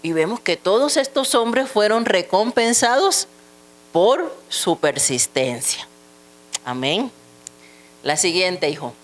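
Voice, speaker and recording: A woman's voice: mid-range voice, very animated, slow. A woman teaching a church Bible lesson, asking the class questions and reading scripture aloud.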